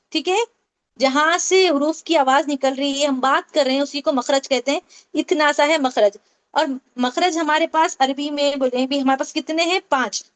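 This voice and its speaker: High-voiced woman teaching a Tajweed class. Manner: explains with questions and repetition, mixes English terms. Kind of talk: online class lecture. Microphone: online meeting call.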